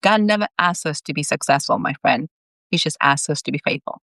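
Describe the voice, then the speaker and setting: A woman reading aloud as Saint Peter, a teasing, sharp-tongued male saint who guides a newcomer. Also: deep voice, expressive, brisk, dry recording. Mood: wry. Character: wry, blunt male saint guiding a newcomer.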